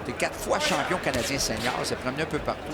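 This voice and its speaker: A man's voice: mid-range voice, lively intonation, racing, a loud crowd. A man with a Quebec accent giving conversational live analysis as a boxing commentator. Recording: very loud arena background noise.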